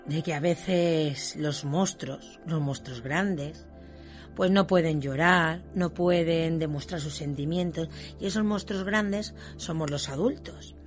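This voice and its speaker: A woman storyteller reading children's stories aloud in an expressive way and speaking directly to her listeners. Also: low voice.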